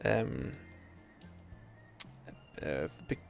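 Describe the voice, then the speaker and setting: Halting Danish man streaming a game. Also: rumbling low, creaky. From Denmark. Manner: relaxed, halting, lots of ums and restarts. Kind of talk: live game stream, chatting with viewers. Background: faint game music.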